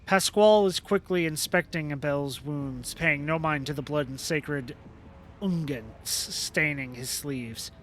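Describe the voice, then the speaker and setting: A man's voice: fairly high pitch, a little slow, fairly bright tone, slight background noise. Young man reading game text on stream. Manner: casual, joking asides between narration.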